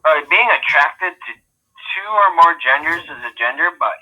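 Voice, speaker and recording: A man's voice: on the high side, animated, moderate pace, sharp tone, highs cut off. A man co-hosting a casual podcast, heard over a voice chat call, chiming in briefly, agreeable and a little unsure. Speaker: podcast co-host.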